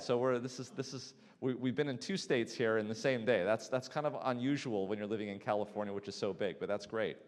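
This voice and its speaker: A physician giving a conversational health lecture to a church audience, asking the room questions and often restarting his sentences. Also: mid-range voice. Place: church hall before an audience. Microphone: handheld mic, battery swapped. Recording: long hall reverb.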